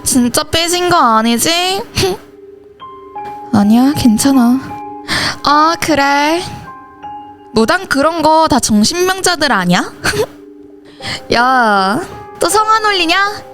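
A woman's voice: sits high, expressive, takes it slowly, pauses often, fairly bright tone, soft background music. A woman voicing every teenage schoolgirl character in a school horror story, switching between them in dialogue. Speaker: channel host and voice actor.

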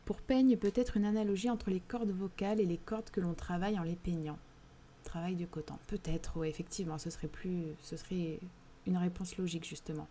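A woman with a southern French accent leads a live discussion of poems, pausing often and restarting her phrases as she thinks aloud. Her voice sits slightly low and sounds warm and mellow. A faint hiss runs under the recording. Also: fairly even intonation. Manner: thoughtful, hesitant, many fillers and restarts. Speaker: literary livestream host. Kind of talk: live book discussion reading chat questions.

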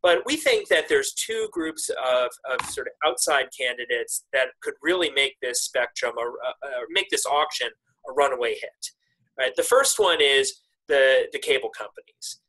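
A man in his thirties, an industry analyst, answering questions in a remote video interview from his office, measured with frequent restarts and emphatic pitch rises. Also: lively intonation, pushed and bright, rough recording. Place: office with wooden cabinets. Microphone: webcam video call.

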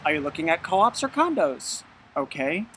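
Easygoing real estate agent. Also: male voice, fairly high pitch, sing-song, moderate pace, noisy background. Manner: easygoing, explains plainly, laughs along. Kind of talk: casual chat.

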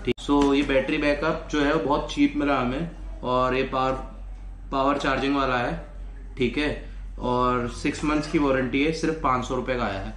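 A man's voice: medium pitch, steady tone, moderate pace, a bit bright. A young man chatting casually as a vlogger at home, teasing and easygoing. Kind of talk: casual vlog chat. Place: home living room at night. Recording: echoey room with background noise.

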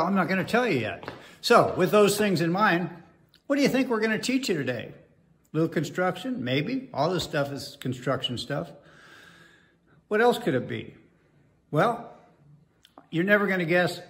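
A host in his sixties, with a slightly bright voice on the high side, gives a joking how-to demonstration full of rambling and fillers. It was recorded in an echoey home hallway on wireless earbuds, with faint noise present.

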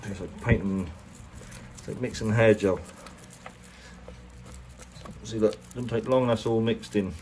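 This boat restorer presents a how-to in a fairly low, darkish voice, speaking at a measured pace with long pauses, and the recording is rough. He's an Englishman with a casual, plain-spoken, chatty style, walking through things hands-on. Clear background noise runs through the handheld workshop recording.

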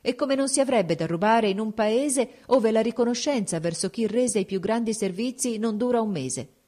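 A woman's voice: fairly high pitch, moderate pace, warm tone, voice pushed up, close to an everyday voice. A woman reading an audiobook, voicing a shrewd, composed court duchess who speaks frankly and persuasively.

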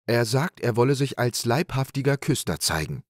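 Male narrator doing a crafty young peasant trickster for a storybook audiobook, lifted higher than his low voice, eager and coaxing, dry close sound. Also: very animated, moderate pace, dry recording. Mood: sly persuasive. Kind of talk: audiobook fairy-tale reading.

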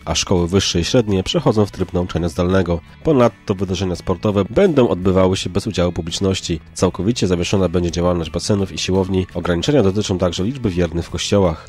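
Low, mellow male news narrator. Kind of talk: scripted local news narration. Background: background music.

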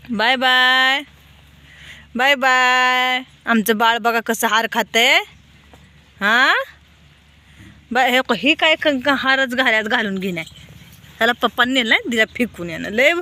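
A woman's voice: high-pitched, bright, forceful tone. A woman, vlogging at home as she coaxes her toddlers in a sing-song voice. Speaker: vlogger and mother. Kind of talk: casual home vlog talking to small children.

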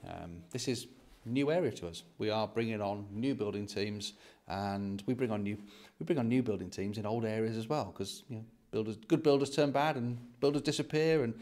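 Recorded on a handheld phone at arm's length inside an empty house, a British property vlog host in his forties speaks casually to camera. His voice is on the low side and a little mellow, slightly fast with hardly any pauses.

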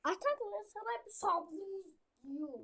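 A young woman chatting while playing a game with a friend, bossy, teasing and excitable, full of slang. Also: extremely high pitch, a little slow, a little hiss or hum. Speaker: gamer. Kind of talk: casual gaming banter.

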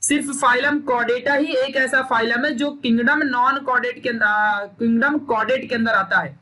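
A man's voice: extremely high pitch, steady tone, moderate pace, sharp tone. A young man teaching a recorded science lesson, emphatic and stern, drilling points and scolding students into memorizing. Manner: stern, scolding pep talk.

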